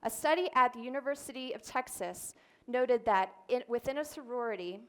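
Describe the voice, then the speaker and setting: A woman's voice: a little high, fairly quick, a bit bright. A woman, a speech therapist, giving an explanatory talk on stage and demonstrating voice sounds. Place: event stage before an audience.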